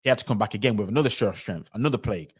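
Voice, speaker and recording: A man giving animated livestream commentary, sometimes acting out other people's voices. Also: lowish voice, rapid-fire, husky. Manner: animated, acts out quoted voices.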